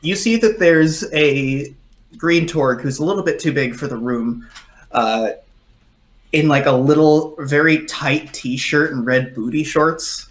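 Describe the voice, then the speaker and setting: A man's voice: on the high side, slow, roomy sound. A man narrating a tabletop role-playing game as game master, describing scenes with many fillers.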